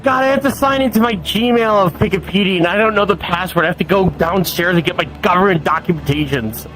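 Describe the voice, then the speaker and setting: A man on voice chat during a game stream, excitable and quick to swear and laugh. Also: sits high, faint music behind, poor audio. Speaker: friend on voice chat. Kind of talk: casual gaming chat. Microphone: online voice chat.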